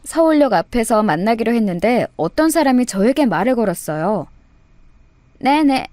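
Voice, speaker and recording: A woman's voice: on the high side, very animated, fairly quick, darkish tone, no echo. A woman narrating a first-person radio story in a chatty, confiding way, acting out her own dialogue.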